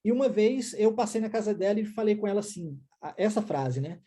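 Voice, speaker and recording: Woman, Brazilian Portuguese accent, English teacher, online lesson, mellow tone, explanatory. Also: medium pitch, brisk. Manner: explanatory, checks in often with short tag questions.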